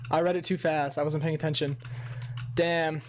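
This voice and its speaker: A man's voice: a little high, level tone, moderate pace, slight background noise. A young man streaming a game, talking in a rambling, profane and self-mocking way to his viewers. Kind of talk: casual livestream gaming chat.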